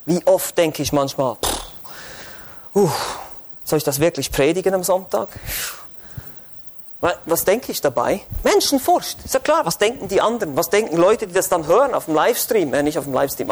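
A man's voice: fairly high pitch, big pitch swings, fast, hardly any pauses, breathy edge. A man preaching an expository sermon in church, fervent and rising to urgent exhortation.

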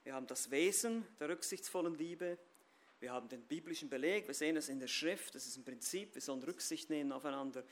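A man preaching a sermon and speaking straight to his listeners. He swings between loud stressed phrases and quiet low asides. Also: quick pace. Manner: addresses listeners directly.

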